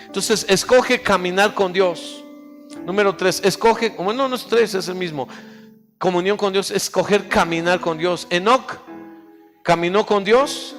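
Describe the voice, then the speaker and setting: A man's voice: high voice, a bit bright. A male pastor preaching a sermon, calling on the congregation to repeat phrases after him. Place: church hall. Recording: church hall reverb with faint music.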